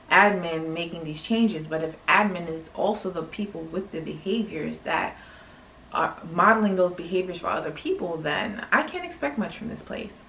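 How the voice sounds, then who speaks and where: A young woman from New York, a teacher, telling a casual story to camera in a chatty, animated way with lots of "like". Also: on the low side, roomy sound, recorded from a distance, a little hiss or hum, rough recording. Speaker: vlogger and teacher.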